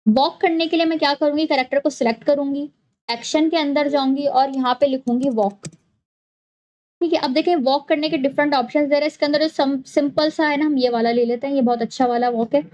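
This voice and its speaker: High-voiced woman patiently teaching software. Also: steady tone, a little fast, poor audio. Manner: patient step-by-step explaining, repeats points. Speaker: animation tutorial host. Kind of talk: screen-recorded software tutorial.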